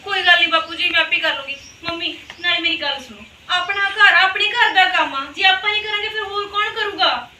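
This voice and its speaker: An actress playing a dutiful young daughter-in-law in a village family drama, gentle and placating. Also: female voice, extremely high pitch, a little fast, hardly any pauses, heavily acted. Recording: roomy, distant mic.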